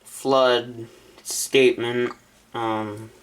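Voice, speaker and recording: Talking through his weather radio setup, this vlogger reads the options aloud and decides as he goes, keeping it casual. The delivery is very slow and level at a medium pitch, and the poor recording carries a little hiss or hum.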